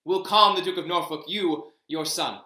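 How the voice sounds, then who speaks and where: Over a webcam video call, a man with a fairly high, bright, forceful voice reads King Richard, a commanding young monarch, in a Shakespeare reading. He speaks at normal speed with regal verse delivery, and the sound is reverberant.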